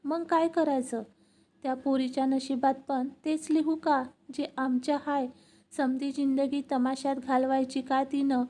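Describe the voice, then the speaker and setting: A woman's voice: high voice, flat delivery, measured pace, darkish tone. A woman voicing a weary, grieving female tamasha dancer who pleads in rural village speech. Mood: bitter.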